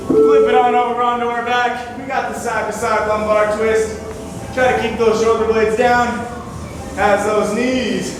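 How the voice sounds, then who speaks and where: High-voiced male aerobics instructor, very echoey. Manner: instructional, counting down, motivating the team. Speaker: fitness coach. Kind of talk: aerobics instructor calling out exercises. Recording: very echoey hall, far mic, music behind.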